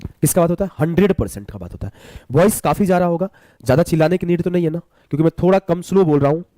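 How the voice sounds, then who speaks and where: Unwell man teaching maths, lively. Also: fairly high pitch, rapid-fire, no echo. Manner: repeats key terms, asks and answers his own questions. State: unwell, speaking slowly. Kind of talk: live online exam-prep class.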